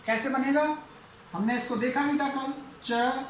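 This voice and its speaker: An Indian man teaches phonetics at a slow, deliberate pace and says each example again and again. His voice rings in an echoey room with a faint hum behind it. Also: very high-pitched, steady tone. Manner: slow, repeats each example several times. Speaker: English teacher. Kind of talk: classroom phonetics lesson.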